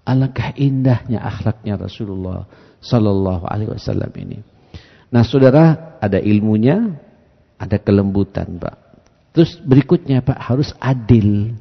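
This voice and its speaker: A male preacher giving a mosque sermon, constantly addressing the congregation as "Pak" and moving between loud emphasis and soft, low asides. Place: large mosque hall. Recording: dull echoey mosque PA recording.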